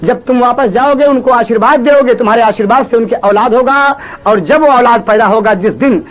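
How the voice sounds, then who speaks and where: A man with a Bhojpuri accent voicing a kindly god disguised as an old Brahmin, speaking gently and like a father. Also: very high-pitched, fairly quick, pitched above the performer's own voice, rough recording. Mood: gentle.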